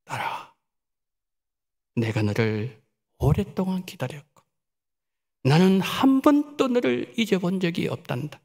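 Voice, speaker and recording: A male preacher voicing God as a tender, fatherly male voice, speaking low and gently. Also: big pitch swings, heavily acted. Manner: hushed, gentle and slow.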